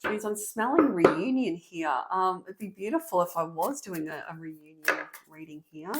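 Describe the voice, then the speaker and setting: A woman giving a tarot reading to an online audience. She talks earnestly and excitably, with frequent ums and restarts. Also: fairly low pitch, moderate pace, very noisy. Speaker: tarot reader.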